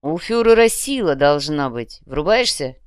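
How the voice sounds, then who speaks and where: A woman reading as a crude little red-cap gang boss, a creature of a magic underworld, who brags in loud, slangy bursts and never lets a deal go. The voice sits fairly low and comes across dry and close, with no room around it, as an audiobook character voice. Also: animated, unhurried, clear, resonant tone, no echo. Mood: boastful.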